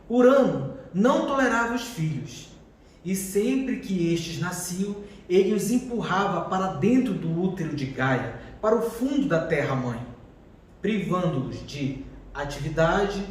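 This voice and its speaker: Echoey slow man narrating a myth. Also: fairly high pitch, a little mellow. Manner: slow, measured, with stretched emphases. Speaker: storyteller. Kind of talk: mythological storytelling narration. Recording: very echoey room, distant mic, faint noise.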